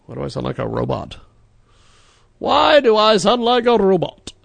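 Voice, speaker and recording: A man's voice: high-pitched, huge pitch swings, normal speed, vocal fry, no echo. A male radio host whose voice sounds half robotic and glitchy, rambling casually between plugs. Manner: rambling, filler-heavy plugs.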